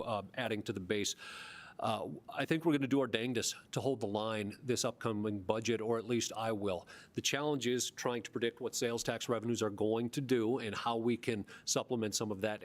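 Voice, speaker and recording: A man running for office, answering a forum question in a steady, policy-focused way. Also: lowish voice. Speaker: mayoral candidate. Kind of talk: debate answer.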